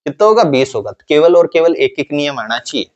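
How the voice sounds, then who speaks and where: A man with a high, light voice teaches a class, asking a question and then answering it himself in a lower voice. His talk is casual and repetitive. The recording sounds dull and lo-fi. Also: big pitch swings, a little fast. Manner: asks questions and answers them himself in a low voice. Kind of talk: classroom lecture.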